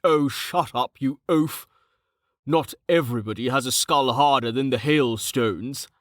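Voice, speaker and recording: A man's voice: medium pitch, a little slow, no room sound, lightly acted. A man voicing a sardonic, exasperated male companion with a dry wit in an audiobook.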